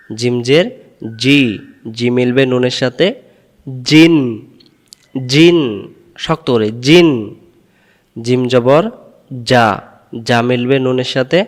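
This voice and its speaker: A man teaching Quran letter pronunciation, drilling each syllable slowly and asking and answering his own questions. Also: mid-range voice, long reverb tail. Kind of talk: slow drilled recitation lesson.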